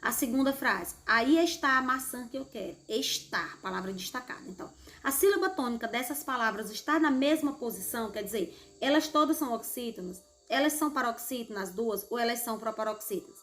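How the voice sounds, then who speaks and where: A woman's voice: a little high, lively intonation, fairly quick, a bit bright, soft background music. A Brazilian woman teacher going through textbook exercises with her pupils in a patient, explanatory way, often checking in with "né?" and "certo?". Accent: Brazilian Portuguese. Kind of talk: recorded class lesson correcting exercises.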